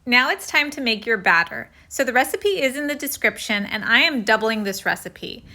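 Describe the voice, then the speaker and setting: A woman's voice: on the high side, sing-song, normal speed, sharp tone. A woman hosting a home cooking video, talking through a recipe step by step in a casual, friendly way.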